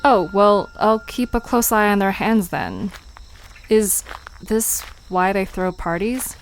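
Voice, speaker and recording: An actress in an audio drama, mid-range in pitch with lively intonation and a slow pace, plays a curious, playful young woman who is inquisitive, teasing and a bit skeptical in conversation. The rough recording has music and crickets in the background.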